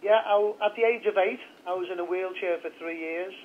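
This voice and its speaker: A man's voice: sits high, fairly quick, a little hiss or hum. A middle-aged man, talking openly and chattily as a guest in an interview by phone. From north of England. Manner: candid, chatty storytelling. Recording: tinny phone line.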